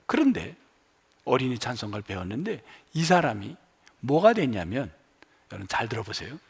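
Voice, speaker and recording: A man's voice: fairly high pitch, husky. A male pastor preaching a sermon in a church, telling a story animatedly and acting out the people's words. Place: church sanctuary.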